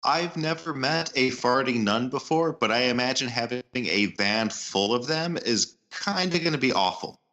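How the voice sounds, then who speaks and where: Bright-voiced man cracking deadpan jokes. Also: medium pitch, moderate pace, hardly any pauses. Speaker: podcast co-host. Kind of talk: casual podcast banter.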